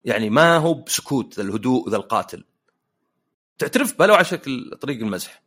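A man's voice: medium pitch, very animated, fast talker, fairly bright tone. A man hosting a casual podcast chat, telling jokey personal anecdotes. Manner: anecdotal, joking storyteller. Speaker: podcast host.

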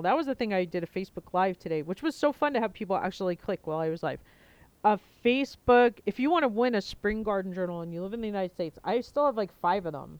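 A woman with a clear, smooth voice and a slightly low pitch for casual talk hosts her podcast. She speaks informally, thinking aloud and wandering from point to point. The sound is low quality, picked up through a headphone mic. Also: a little mellow, no echo, rough recording. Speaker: podcast host. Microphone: headset, talking into headphones.

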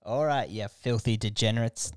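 A man's voice: mid-range voice, moderate pace, heavy background noise. An Australian man hosting a podcast in a casual comedic monologue, blokey and irreverent, with heavy swearing and slang. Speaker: podcast host.

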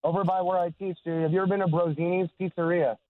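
A man calling a radio show on his phone's speaker from his car on the highway, easygoing and chatty. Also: fairly even intonation, fast, no echo. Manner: easygoing, calls the host man and dude. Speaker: caller. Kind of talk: casual call-in chat. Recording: tinny speakerphone phone line.

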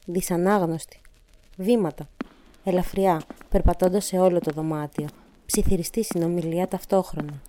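A woman co-hosting a true crime podcast, reading a transcript in a plain, even way. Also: on the low side, a little hiss or hum. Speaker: podcast host.

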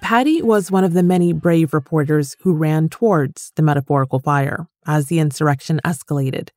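A woman's voice: low voice, darkish tone, dry recording, clean studio sound. Woman narrating a news podcast. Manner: measured, clear delivery. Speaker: podcast host. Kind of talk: scripted narration.

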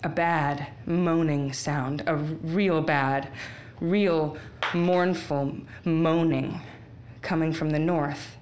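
A woman telling a personal story aloud, with wry, unhurried delivery and deadpan asides. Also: sits low. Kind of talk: live storytelling performance.

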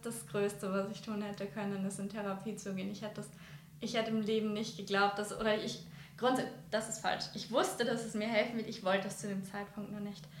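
A woman's voice: medium pitch, flat delivery, brisk. A woman, an interview guest sharing her own experience, speaking sincerely and hesitantly and often searching for words. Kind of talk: personal interview talk. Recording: roomy echo, faint background noise.

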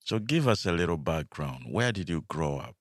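Deep-voiced guy hosting a podcast, dry close mic, faint music under. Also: sing-song, normal speed, no room sound. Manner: warm interviewer, brief backchannels and laughs. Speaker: host. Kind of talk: podcast interview.

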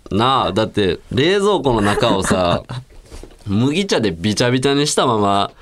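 関西弁でまくしたてる男性、抑揚大きめ. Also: male voice, on the low side, moderate pace. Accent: Kansai. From Hyogo, Japan. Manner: animated, ranting, slipping into mock outrage. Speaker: radio podcast co-host. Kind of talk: comedic rant.

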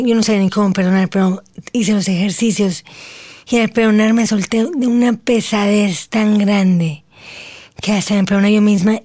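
Woman, 40s, slow careful talk, telling her story on an interview show. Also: mid-range voice, dark tone. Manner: slow, deliberate, earnest speech after recovering her voice. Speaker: interview guest. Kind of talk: personal storytelling.

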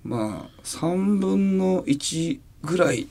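A man co-hosting a casual radio talk show, telling a story and teasing his comedy partner, getting loud and laughing as he goes. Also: sits high, animated, drawn-out words. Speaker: comedy duo member, radio host.

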